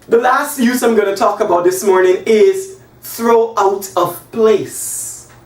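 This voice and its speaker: Spelling out example sentences slowly and emphatically, a Guyanese teacher in his forties gives an animated, gesturing English lesson by a whiteboard in a small room. His high-pitched voice comes from a distance through a camera across the echoey room.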